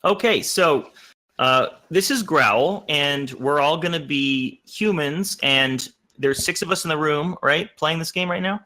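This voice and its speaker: A man's voice: a little high, a little slow, bright, forceful tone. A young man, a game designer, explaining the rules of his board game to players, with many ums and restarts.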